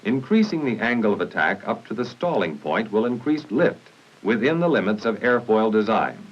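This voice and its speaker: A 1950s military training film features an American man reading formal instructional narration, steady and measured. His voice is lowish and sing-song, and the aged soundtrack is muffled and noisy.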